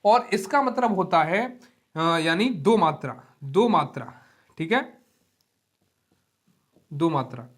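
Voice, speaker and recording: A man's voice: on the high side, animated. Casting note: male teacher in an exam-prep lecture, patient, repetitive, drags vowels out to demonstrate them. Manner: explains slowly, repeats key terms and keeps saying "ठीक है". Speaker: Hindi teacher.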